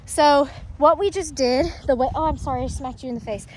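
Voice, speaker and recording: A woman's voice: high voice, a little fast, slight background noise, rough recording. A woman farm vlogger explaining at length in a chatty, rambling way, recorded outdoors on a farm. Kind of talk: casual explanatory chat.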